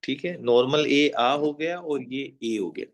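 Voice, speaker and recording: At a whiteboard in a classroom, a man teaches German, patiently repeating each sound and making sure the students have written it down. His voice is medium in pitch and unhurried.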